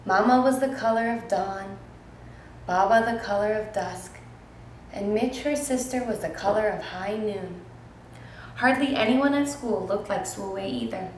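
Woman teacher, gentle storybook read-aloud, talks to the kids; very echoey room, faint hiss. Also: mid-range voice, unhurried. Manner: gentle, expressive, asks listeners questions. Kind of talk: children's picture book read-aloud.

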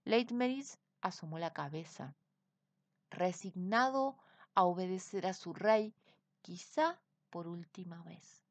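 A woman reading a children's storybook aloud in an expressive, unhurried way. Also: fairly low pitch, no room sound. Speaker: reader.

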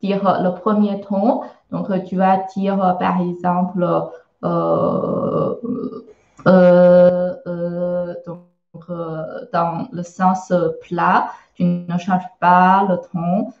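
Slow, hesitant Chinese-accented woman teaching. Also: lowish voice, little pitch movement, echoey room, lo-fi sound, soft background music. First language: Mandarin Chinese. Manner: hesitant, many filler sounds, patient explaining. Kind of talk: live online lesson.

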